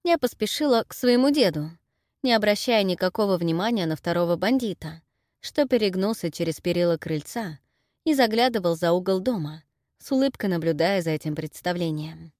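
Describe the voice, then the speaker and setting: A woman narrating an audiobook in the first person, with an expressive reading. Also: on the low side, a little fast, dry recording, studio quality.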